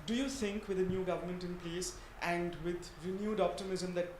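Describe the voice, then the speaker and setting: A man's voice: high voice, fairly even intonation, moderate pace. A man from India asking a long, earnest question from the audience at a conference, with many fillers. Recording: echoey room, faint ambient noise.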